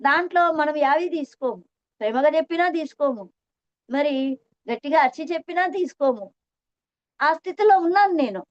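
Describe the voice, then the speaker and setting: A woman's voice: sits high, lively intonation, moderate pace, long pauses, dry recording. A middle-aged woman sharing her meditation experience in an earnest, reflective spiritual talk, repeating phrases for emphasis. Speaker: meditation testimony speaker. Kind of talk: spiritual talk addressing listeners. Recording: dull dry lo-fi recording.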